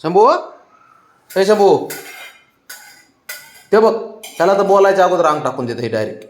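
A man's voice: high voice, very animated, normal speed. A man chatting with his pet cats at home in a coaxing, teasing baby-talk manner. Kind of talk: casual talk to pets. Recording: echoey room.

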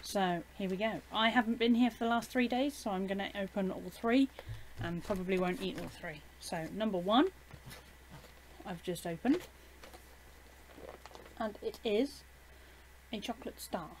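A woman's voice: mid-range voice, a little slow, long pauses, slight background noise. A young woman with a British accent, chatting casually as a YouTuber in a home vlog, filling gaps with "basically" and "um".

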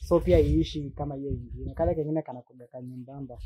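A man's voice: mid-range voice, steady tone, quick pace, dark tone, husky, low-quality recording. A man with a Kenyan accent chatting and demonstrating products in an informal, slangy way, switching between languages. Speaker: content creator and machine seller. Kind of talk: casual chat and product demonstration.

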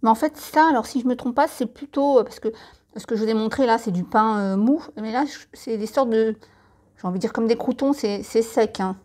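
Chatting her way through a supermarket catalogue, a French woman lists items and their prices, adding friendly advice and side remarks. She has a fairly high, warm voice.

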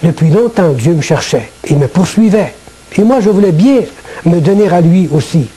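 An older man from Quebec with a Québécois French accent, a former priest giving a measured, earnest personal testimony to camera in a small studio. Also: high voice, expressive, mellow, slightly rough, rough recording. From Quebec, Canada.

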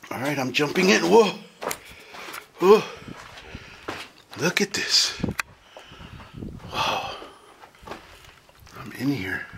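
Man exploring a canyon, unhurried, excited exclaims, hushed at times; handheld camera, clear outdoor noise. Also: fairly high pitch. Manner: excited exclamations, drops to a hush in tight spots. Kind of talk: casual running commentary. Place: outdoors in rock canyons and caves.

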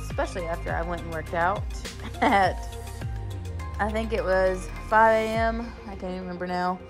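A woman in her thirties, a mother, chatting casually and encouragingly as she narrates her cleaning routine, with frequent "um"s. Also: lowish voice. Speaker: cleaning vlogger, mom.

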